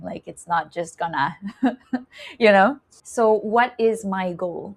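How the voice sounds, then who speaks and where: A woman's voice: medium pitch, vocal fry. A young woman from Chile, a nurse and menstrual health educator, introducing herself in a candid, chatty vlog and laughing often. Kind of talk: casual self-introduction vlog.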